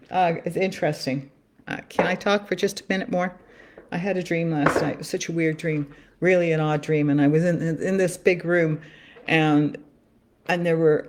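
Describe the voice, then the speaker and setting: A woman talking on her own in a loose, earnest way, repeating phrases as she draws cards and muses. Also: low voice. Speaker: spiritual card reader. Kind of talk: musing solo livestream talk.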